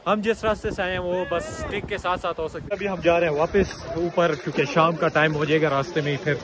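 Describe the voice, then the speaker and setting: A young man from Pakistan filming a casual travel vlog on a phone held at arm's length, chatting excitably outdoors on a trail and by a waterfall. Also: fairly high pitch, fast talker, music in the background. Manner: chatty, excitable, often laughing. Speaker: vlogger.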